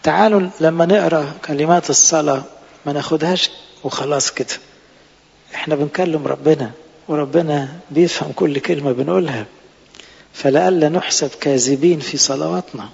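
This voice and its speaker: A man's voice: a little high, brisk, vocal fry, breathy edge. A man preaching a sermon with an Egyptian Arabic accent, earnest, pressing his listeners with rhetorical questions. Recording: reverberant hall, dull lo-fi sound.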